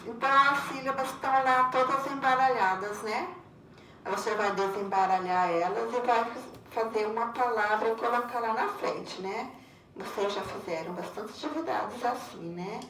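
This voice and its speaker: A Brazilian woman teaches children in a patient video lesson, speaking with a Brazilian Portuguese accent in a slightly high, fairly bright voice. She repeats each instruction and keeps asking "né?" The recording has roomy echo, faint ambience and slight background noise, with her far from the mic.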